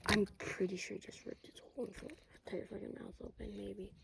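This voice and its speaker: A young woman fishing from a kayak outdoors, chatting excitably to a mounted camera, swearing casually and often dropping to a murmur. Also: medium pitch, normal speed, gravelly, whispered, poor audio. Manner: chatty and excitable, swears and says bro a lot. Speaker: fishing vlogger. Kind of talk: casual running commentary while fishing.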